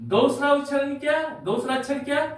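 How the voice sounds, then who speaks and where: A man with an extremely high pitch and steady tone briskly teaches a spoken English lesson, spelling words letter by letter and calling his viewers dear children. He sounds far off the mic in an echoey room.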